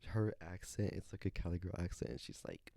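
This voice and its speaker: A man's voice: low-pitched, fast talker, vocal fry, warm tone, no room sound. A man hosting his own podcast, rambling casually with lots of fillers, swearing and self-corrections. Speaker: podcast host. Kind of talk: casual solo podcast chat.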